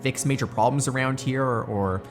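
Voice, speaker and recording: A woman playing a weary, easily startled doctor at a secret research site in an audio drama, casual and halting. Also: very deep voice, soft background music. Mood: halting, awkward.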